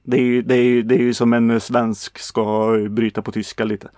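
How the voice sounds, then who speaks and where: A man from Sweden in casual film chat on a podcast, relaxed and hesitant, with many fillers. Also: medium pitch, no echo, studio quality. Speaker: podcast co-host.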